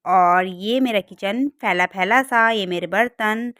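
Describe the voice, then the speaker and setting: A woman's voice: medium pitch, unhurried, a bit bright, no room sound, clean studio sound. A woman in her thirties giving a chatty, cheerful running commentary on her family day for a vlog. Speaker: vlogger. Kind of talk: casual vlog narration.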